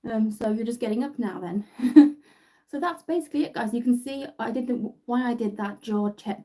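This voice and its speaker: Chatty Irish woman, mellow voice. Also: medium pitch, rough recording. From Ireland. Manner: chatty, rambling, many fillers and restarts. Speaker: makeup vlogger. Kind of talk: casual livestream makeup tutorial. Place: bedroom at home.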